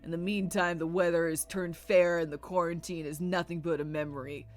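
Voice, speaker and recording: A woman's voice: fairly low pitch, steady tone, brisk, soft background music, lightly acted. A woman voicing an imperious, precocious boy leader in a video game, haughty and declamatory. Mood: haughty, insistent. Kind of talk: reading game dialogue aloud.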